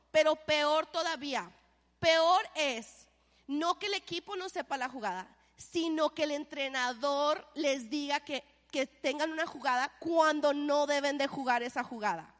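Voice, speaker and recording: Woman preacher, high voice, animated, reverberant hall. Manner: animated, playful, asks the audience questions. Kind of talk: sermon.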